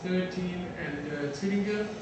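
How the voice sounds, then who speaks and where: This is a defense attaché, a middle-aged South African man, lecturing in a reverberant hall where faint noise can be heard. His voice sits high and he's far from the mic. He speaks haltingly, stumbling into many fillers and restarting his sentences.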